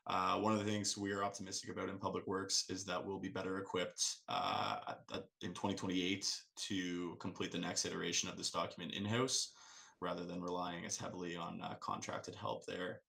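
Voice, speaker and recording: A man joining a council meeting remotely over a conference call, presenting a staff report haltingly with frequent fillers. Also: sits low, flat delivery, creaky, pushed and bright.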